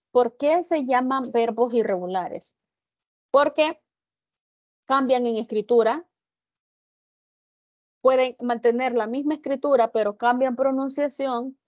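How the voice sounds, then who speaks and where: A woman's voice: fairly high pitch, no echo, muffled recording. A woman teaching English grammar in Spanish to an online class, explaining patiently and asking students if they follow. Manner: patient, explains slowly, addresses students directly.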